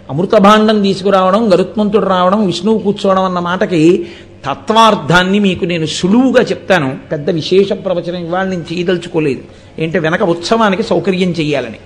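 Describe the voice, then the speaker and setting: A man with a notably high voice delivering a devotional sermon. He explains his points by asking the audience questions and reciting verses. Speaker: religious discourse speaker.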